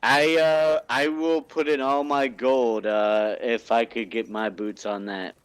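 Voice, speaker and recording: Man, tabletop player, slow-spoken, eager, dry close audio. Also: mid-range voice, level tone, clean tone, no room sound. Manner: eager, short urging lines. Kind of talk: casual game chat.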